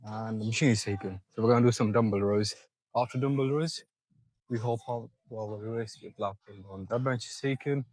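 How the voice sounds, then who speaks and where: A man's voice: fairly low pitch, fairly quick, darkish tone, dry recording, poor audio. A young man in a gym, out of breath, coaching viewers step by step through a back workout. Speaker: fitness vlogger. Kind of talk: casual gym walkthrough.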